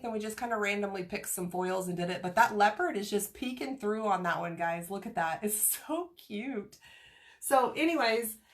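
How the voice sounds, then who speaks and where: Nasal, scratchy-voiced woman crafting live. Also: medium pitch. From Kansas, USA. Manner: chatty, rambling, greets viewers by name. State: getting over a cold. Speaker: crafting livestream host. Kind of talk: casual craft livestream chat.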